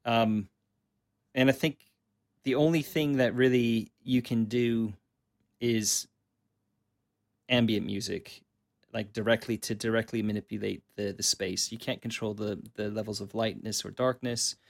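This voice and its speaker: A man's voice: lowish voice, fairly even intonation, a little slow, vocal fry, long pauses. A man co-hosting a casual chat, thoughtful and hesitant, searching for words as he goes. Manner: thoughtful, hesitant, many ums and restarts. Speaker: podcast co-host.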